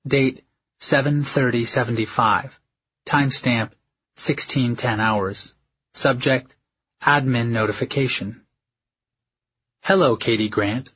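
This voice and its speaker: A spaceship's impersonal message system. The delivery is formal, clipped and detached, in a husky male voice. It sounds like a scripted audiobook announcement, slightly muffled. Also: mid-range voice, slow pace, pauses often, a bit bright. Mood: detached, official. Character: impersonal shipboard message system reading official notices.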